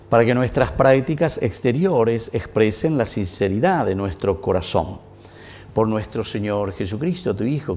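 A middle-aged priest at a chapel altar, quickly reciting the opening prayers of Mass. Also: male voice, mid-range voice, a little mellow.

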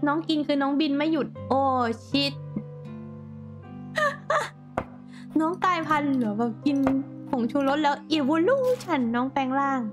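A woman's voice: high-pitched, very animated, normal speed, hardly any pauses, music in the background. A woman streamer chatting casually and rambling to her viewers while she plays a game. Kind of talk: casual gameplay commentary.

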